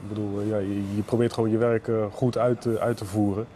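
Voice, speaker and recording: A police officer hesitantly explains why a man was arrested. His voice is fairly low and mellow. There is faint background noise. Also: flat delivery, fast. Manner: hesitant, many fillers. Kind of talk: interview statement.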